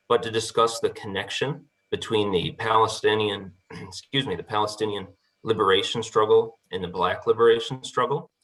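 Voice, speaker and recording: A man introducing a guest speaker on a video call, in a halting way with many pauses. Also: fairly low pitch, fairly bright tone. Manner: halting, with fillers. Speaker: event host introducing the speaker. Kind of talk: brief formal introduction.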